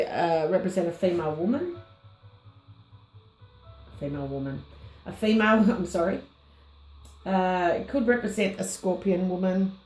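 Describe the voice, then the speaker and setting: A woman giving a casual tarot reading, slightly hoarse and unhurried, pausing often with ums as she muses over the cards. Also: medium pitch, darkish tone, echoey room, rough recording. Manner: unhurried, musing, many ums and pauses. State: slightly hoarse, losing her voice. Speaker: tarot reader.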